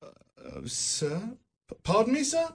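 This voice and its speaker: An actor playing Bob Cratchit, a timid, nervous clerk who stammers and pleads in a radio play. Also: male voice, extremely high pitch, wildly swooping pitch, measured pace, gravelly, slightly rough, full character voice. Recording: radio drama with faint noise.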